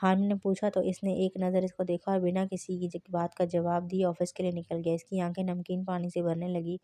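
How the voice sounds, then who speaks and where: A woman reads a romance novel aloud in a steady storybook manner. Her voice sits low, flat in pitch and mellow in tone. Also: no echo. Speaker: novel reader. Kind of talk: scripted narration of a romance novel.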